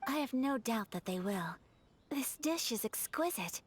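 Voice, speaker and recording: A woman playing a shy, earnest young noblewoman in an anime game, speaking formally and gently. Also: fairly high pitch, lively intonation, measured pace, slight background noise. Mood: polite, pleased.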